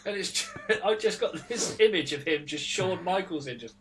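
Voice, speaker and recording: A young man banters wryly on a podcast in a fairly high voice. Clear background noise and clicks run under his talk. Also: lively intonation, normal speed. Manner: wry, joking. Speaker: podcast co-host and editor.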